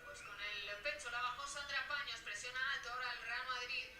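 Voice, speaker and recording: A woman's voice: fairly high pitch, steady tone, a little fast. A woman doing live play-by-play football commentary, tracking each pass in short clipped phrases. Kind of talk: live running match commentary. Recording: roomy, distant mic with music behind.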